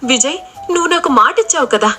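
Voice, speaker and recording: A woman's voice: sits high, expressive, fast talker, sharp tone, voice pushed up. A woman voicing a loyal young wife who returns to find herself betrayed, speaking in a pleading, anguished way. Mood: shocked.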